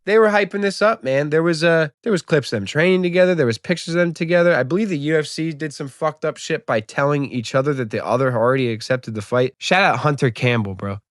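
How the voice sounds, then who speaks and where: A man's voice: a little high, fast talker, hardly any pauses, dry recording, clean studio sound. A young man giving a casual, comedic fight recap, rambling and swearing as he jokes. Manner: profane, rambling, joking. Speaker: YouTube MMA commentator.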